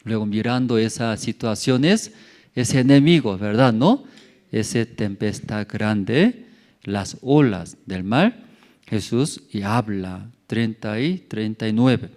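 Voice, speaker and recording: A fairly low-voiced male pastor preaches an animated sermon in church, taking his time. He fills it with rhetorical questions and repetition, climbing to loud calls and dropping to near murmurs, and his grammar is somewhat non-native.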